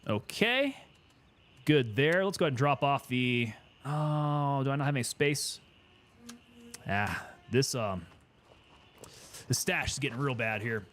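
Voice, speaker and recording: A man's voice: mid-range voice, expressive, a little slow, long pauses, fairly bright tone. A man giving casual gameplay commentary, thinking aloud and chatting with teammates as he plays. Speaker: gaming streamer.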